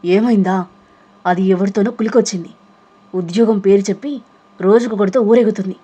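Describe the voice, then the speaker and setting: A woman voicing a hard-hearted middle-aged mother who scolds and shouts in an audio novel reading. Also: mid-range voice, fairly even intonation, normal speed, lo-fi sound, natural voice. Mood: shouting. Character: cruel harsh stepmother, middle-aged, hateful.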